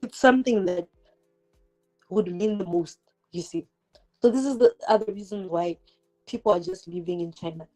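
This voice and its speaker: Over a rough recording, a woman with a lowish, dark voice hosts a casual livestream from her kitchen while cooking, with fireworks outside. She's in her twenties, from Zimbabwe, and English isn't her first language. She chats directly with viewers, asking rhetorical questions and saying "like" often as she multitasks.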